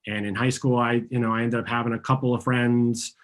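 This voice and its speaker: A man born in Argentina and raised in the US speaks at medium pitch with a level tone, a little fast. He earnestly coaches a group through a guided tapping session, having listeners repeat his phrases after him.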